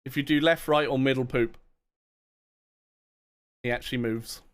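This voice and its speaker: A man's voice: medium pitch, steady tone, moderate pace, heavy background noise. A man chatting casually on a live game stream, rambling, self-mocking and laughing often. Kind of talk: casual live-stream chat while gaming.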